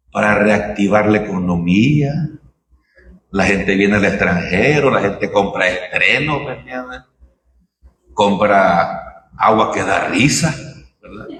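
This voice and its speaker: A man preaching a sermon, his voice bright and forceful. He talks in an unhurried, chatty way and keeps checking in with the congregation. The sound bounces around an echoey church room with a faint hiss behind it. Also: lowish voice, recorded from a distance. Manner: conversational preaching, many rhetorical tag questions. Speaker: pastor.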